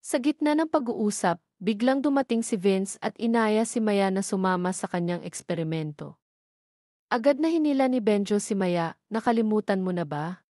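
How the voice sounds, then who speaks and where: Reading as narrator of a scripted romance, a Filipino-accented woman speaks at medium pitch and a moderate pace, her tone mellow and expressive. The audio is clean studio sound with no room ambience.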